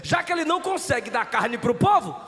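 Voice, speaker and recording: A male pastor preaching a fervent sermon, often shouting. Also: very high voice, sing-song, brisk, in a large hall. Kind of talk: pentecostal sermon. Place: church sanctuary.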